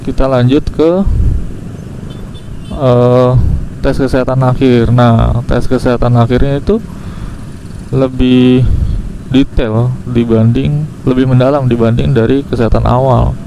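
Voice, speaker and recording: A young man telling a personal story for a motovlog in a casual, halting way. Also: mid-range voice, fairly even intonation, gravelly, poor audio. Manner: halting, pausing mid-sentence. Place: outdoors, riding a motorcycle on the road. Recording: loud motorcycle and traffic noise outdoors. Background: motorcycle engine, passing vehicles.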